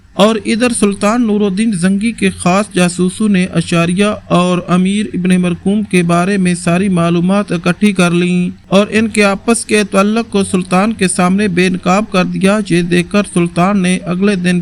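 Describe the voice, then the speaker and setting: A man narrating a moral history tale in an earnest, preaching way, speaking directly to his viewers. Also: high-pitched.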